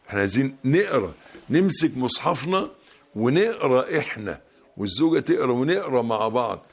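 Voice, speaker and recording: A man with an Egyptian Arabic accent giving a Ramadan sermon, colloquial and emphatic, pressing his points. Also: mid-range voice. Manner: colloquial, emphatic, rising loudness when stressing points. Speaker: preacher.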